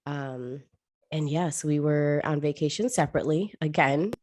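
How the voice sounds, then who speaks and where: A woman's voice: low voice, moderate pace, a little mellow, no room sound. Very nasal, stuffed-up woman podcast host. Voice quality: very nasal, congested, as if nose pinched shut. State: sick with covid. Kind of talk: casual podcast chat.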